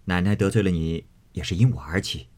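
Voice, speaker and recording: A man voicing a meek, apologetic young nobleman who talks softly and ingratiatingly, in a husky voice. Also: deep voice, fairly quick. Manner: meek, ingratiating, soft-spoken with chuckles.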